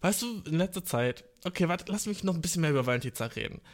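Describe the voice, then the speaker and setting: A man's voice: on the high side, animated, fast talker. A young man hosting a casual solo podcast, hyperactive and playful, full of slang and swearing, who keeps calling the listener bro. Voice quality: slangy, swears a lot, says bro constantly. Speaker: podcast host. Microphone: phone in hand.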